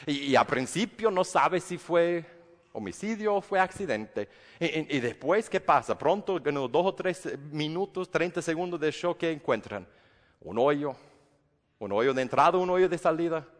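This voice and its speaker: A man's voice: on the high side, animated, normal speed, big-room sound. A man preaching a sermon as a pastor, in a conversational way with frequent restarts, sometimes acting out the voices of others. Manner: conversational, many restarts, acts out quoted voices.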